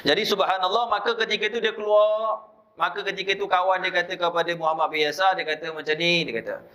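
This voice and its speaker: A man's voice: fairly high pitch, a bit bright. A man with a Malaysian Malay accent giving an evening mosque lecture as a religious teacher, telling a story and acting out its dialogue with frequent asides.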